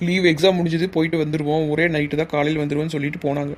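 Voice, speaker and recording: A woman's voice: deep voice, little pitch movement, rapid-fire, a little hiss or hum, close to an everyday voice. A woman voicing a tearful, worried mother whose daughter is missing, in a cartoon. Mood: distraught. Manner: tearful, worried, blaming herself. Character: distraught mother of a missing girl.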